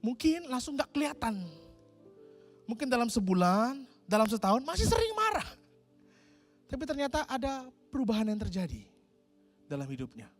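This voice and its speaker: A man preaching with a conversational warmth toward his congregation, calling out to listeners and voicing people's inner thoughts in brief asides. His pitch swings widely from phrase to phrase. Soft music sits faintly behind him. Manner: lively conversational preaching, often addressing listeners as "saudara"; acts out inner voices of a struggling believer. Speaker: pastor. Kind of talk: sermon.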